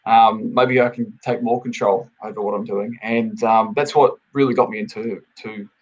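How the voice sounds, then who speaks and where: A man's voice: fairly low pitch, fairly even intonation, moderate pace, breathy edge, lo-fi sound. A man from New Zealand with a New Zealand accent, a podcast guest telling his story steadily, with many fillers. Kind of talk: casual podcast interview.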